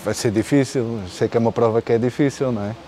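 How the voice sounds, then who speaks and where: Outdoors in an artificial-grass courtyard, a forties-aged rally rider from Portugal responds to interview questions with earnest effort, his Portuguese accent clear as he repeats words and starts over to find the right phrase. He speaks quickly in a mellow, medium-pitched voice with fairly even intonation.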